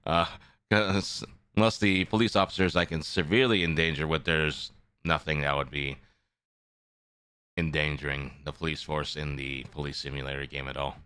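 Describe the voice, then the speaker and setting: A man's voice: extremely low pitch, little pitch movement, normal speed, pushed and bright, smooth. A man chatting casually on a livestream as the host, rambling and often repeating his phrases. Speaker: live streamer, VTuber host. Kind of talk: casual livestream chat with viewers.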